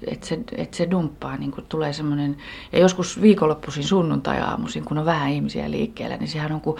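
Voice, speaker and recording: A woman talking casually and reflectively, sometimes dropping to a hush. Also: sits low, fairly even intonation, gravelly, breathy edge. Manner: dreamy, drops to a hush at times. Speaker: interviewee.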